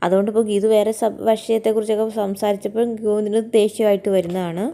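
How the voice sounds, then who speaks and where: A woman in a chatty, rapid retelling of a TV serial episode, full of repeated fillers. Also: medium pitch, flat delivery, vocal fry, mellow. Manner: fast, chatty retelling that keeps repeating little filler words.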